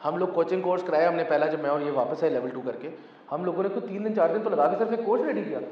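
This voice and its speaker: A slightly high-voiced man races through a casual interview, a Pakistani in his twenties who founded and coaches a football club, speaking emphatically, mixing in English and often saying "thik hai". The recording is muffled, echoey and distant, with a faint hum.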